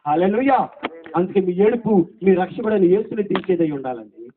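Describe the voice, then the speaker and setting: A man preaching a gospel sermon, with many rhetorical questions and shouts of hallelujah, now loud and now soft. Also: sits high, expressive, a little fast, noisy background. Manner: emphatic, swings between loud and soft delivery. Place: gospel meeting. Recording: tinny phone-like sound.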